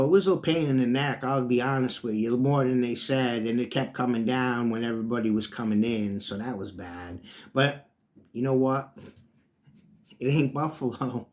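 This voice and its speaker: A middle-aged man hosting his own sports talk channel, chatting in a loose, rambling way and calling his listeners folks. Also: mid-range voice. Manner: chatty, folksy, drifts between topics, often calls listeners folks. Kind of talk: casual rambling monologue.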